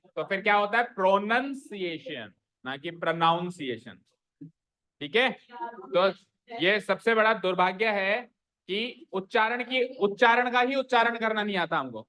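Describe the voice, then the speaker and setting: A man's voice: sits high, sharp tone. A male math teacher in a classroom, explaining a lesson and constantly questioning his students, making them repeat answers and mixing English terms into his speech.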